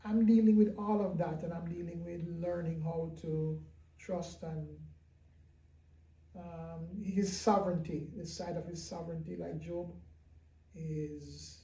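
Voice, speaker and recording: A pastor speaks with a deep, mellow darkness in his tone, candid and halting as he reflects in an interview. His voice sits back from the microphone in a roomy space. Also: level tone, vocal fry. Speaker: pastor and gospel singer. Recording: roomy sound from a distant mic.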